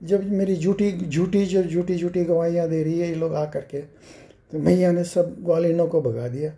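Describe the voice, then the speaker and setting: A man telling devotional scripture stories, explaining slowly and breaking into sung verses. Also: on the high side, steady tone, warm tone. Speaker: scripture storyteller.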